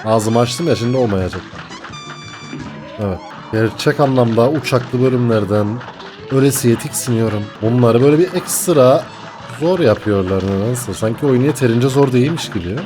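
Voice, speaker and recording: A young man commentating his gameplay, excitable and jokey, swinging from mock panic to laughter. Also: mid-range voice, moderate pace, music in the background. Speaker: gaming YouTuber.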